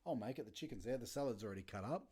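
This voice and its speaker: A man's voice: mid-range voice, lively intonation, rapid-fire, mellow, slightly rough. A man voicing his polite young friend, eagerly protesting that he will make his own sandwich. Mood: protesting politely.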